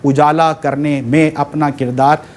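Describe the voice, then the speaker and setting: A man's voice: on the high side, level tone, unhurried, a little mellow. A man hosting a charity telethon, making an earnest appeal full of religious phrases and bits of English. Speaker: telethon host.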